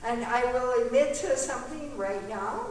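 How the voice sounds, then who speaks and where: Speaking at a moderate pace, this woman has a fairly high-pitched voice and talks informally as a panelist, reflective and candid. The recording comes from an echoey meetinghouse hall, with the mic set far off and a little faint noise.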